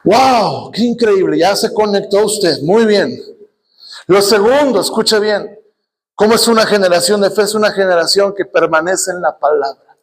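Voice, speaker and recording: High-voiced Mexican pastor preaching. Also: male voice, moderate pace. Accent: Mexican Spanish. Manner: storytelling, rising to passionate shouting. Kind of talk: sermon. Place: church.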